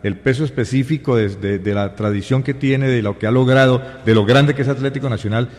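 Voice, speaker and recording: A man on a football panel with a mid-range voice. He talks in a measured, halting way, often backing up to rephrase. A long reverb trails his voice. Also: medium pitch, darkish tone. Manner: measured, hesitant, with many fillers and restarts. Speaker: sports panelist.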